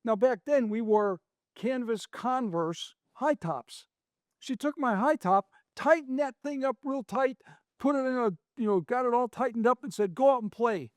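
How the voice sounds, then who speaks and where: A man's voice: very high-pitched, a little slow, no echo, studio quality. An American man telling a personal story in an earnest, emphatic way, repeating key phrases.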